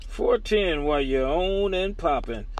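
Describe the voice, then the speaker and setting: A man with a high-pitched voice chats casually on CB radio. His talk is slangy and folksy, full of teasing banter. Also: lively intonation, measured pace. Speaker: CB radio operator.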